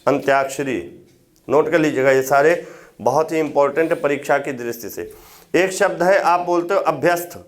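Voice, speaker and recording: High-voiced male grammar teacher. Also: moderate pace. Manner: explains step by step with tag questions; repeats key words for dictation. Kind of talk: exam prep lecture.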